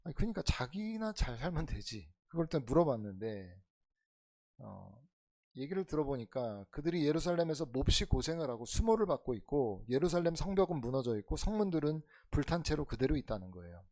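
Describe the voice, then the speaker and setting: 교회에서 강해설교를 하는 남자 목사로, 청중에게 질문을 던지며 대화하듯 설교하고, 크게 강조하다가 낮게 속삭이듯 말하기를 오간다. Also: male voice, big pitch swings, fairly quick. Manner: conversational preaching with rhetorical questions to the congregation; swings between loud emphatic lines and soft low asides. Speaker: pastor. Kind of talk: expository sermon.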